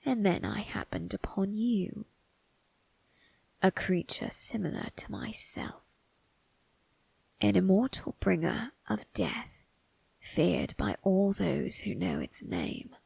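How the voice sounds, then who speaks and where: A woman voicing a sinister, amused, ageless male grim reaper turned undertaker in an ASMR roleplay, breathy and gravelly, often dropping into a whisper, with a theatrical, teasing delivery. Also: medium pitch, very animated, a little mellow, no room sound, heavily acted, low-quality recording. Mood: intimate, fascinated. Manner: slow, theatrical, teasing, morbidly musing. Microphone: close microphone, dry.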